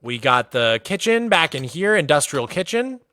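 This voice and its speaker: Touring a game world on a casual livestream, a Massachusetts man chats loosely and leans heavily on "like." His voice is a little high and his pace moderate. He comes across relaxed and talkative, and he's from Massachusetts, USA.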